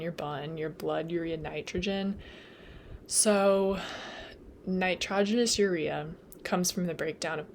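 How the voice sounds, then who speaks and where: A young adult woman, a nursing student tutor, gives a casual study lecture on nursing material, chatty and full of "like" and "um," laughing at her own slips. She is losing her voice, which is low-pitched, with slight background noise.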